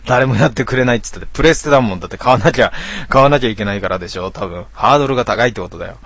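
Male game streamer, husky voice, casual jokey commentary. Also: medium pitch, racing, a bit bright, no echo. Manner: muttering, jokey asides.

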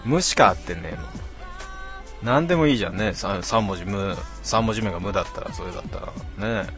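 A man in his twenties, a bit tipsy, chatting casually on a live stream as he reads out viewer comments in rough, slangy, self-mocking banter. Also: lowish voice, quick pace, music in the background. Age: 20s.

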